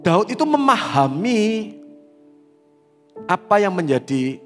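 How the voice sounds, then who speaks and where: Animated high-voiced male preacher in a hall. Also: slow. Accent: Indonesian. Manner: animated preaching, acts out tearful prayers. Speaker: pastor. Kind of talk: sermon. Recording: reverberant hall with faint music.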